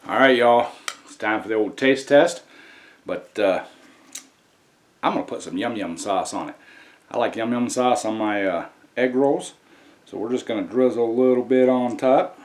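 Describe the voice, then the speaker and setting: A man's voice: mid-range voice, normal speed, long pauses. An American man hosting a casual home cooking vlog, talking to viewers in a folksy, plain-spoken way. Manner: folksy, addresses viewers as y'all. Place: indoor home kitchen. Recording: clear background noise, kitchen ambience.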